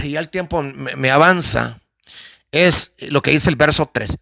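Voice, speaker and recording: A gravelly, high-sitting male voice belongs to a Guatemalan pastor giving a sermon teaching, recorded in studio quality with no echo. He is animated and conversational, addressing everyone as sister and brother and asking the audience for assistance.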